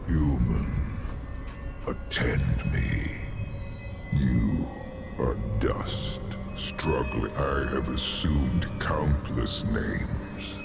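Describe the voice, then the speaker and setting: An actor playing an ancient, contemptuous cosmic root entity in a video game, speaking in calm, slow, menacing pronouncements with a deep gravelly voice. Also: male voice, exaggerated voice. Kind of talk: video game villain dialogue. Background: loud game music.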